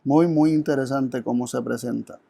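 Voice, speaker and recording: Mellow-voiced man preaching. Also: mid-range voice, steady tone, moderate pace, gravelly, no echo. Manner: earnest and reflective, rhetorical questions. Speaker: Bible study presenter. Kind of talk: teaching sermon.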